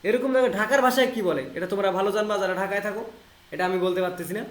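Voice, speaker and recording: A man's voice: high-pitched, roomy sound. A man from Bangladesh teaching an online linguistics lesson, explaining English terms in Bengali and repeating key phrases. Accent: Bangladeshi Bengali, Rangpur. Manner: reads English text slowly and deliberately. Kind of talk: online lecture.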